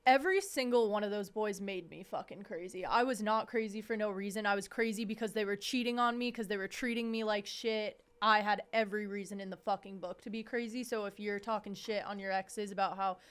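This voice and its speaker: A woman in her twenties co-hosting a podcast, chatting casually in a blunt, profane and animated way. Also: medium pitch, a little fast, hardly any pauses, clean tone. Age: 20s. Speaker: podcast co-host. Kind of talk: casual chat.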